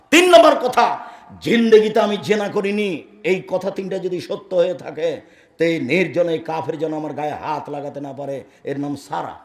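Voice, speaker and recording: A man preaching a Friday sermon, forceful and firm, swinging from loud declaiming to low murmurs. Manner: speaks firmly and loudly by habit.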